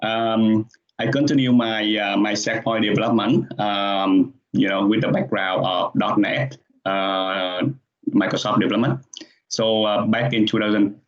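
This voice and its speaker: A man from Vietnam with a Vietnamese accent, giving an online technical presentation, with frequent pauses and restarts. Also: on the low side, fairly even intonation. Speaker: conference presenter. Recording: dull, muffled sound.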